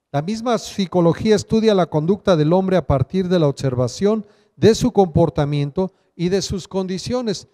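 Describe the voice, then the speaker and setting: A man's voice: high voice, warm tone, long reverb tail. A male pastor, teaching an online sermon and asking his listeners questions. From Mexico.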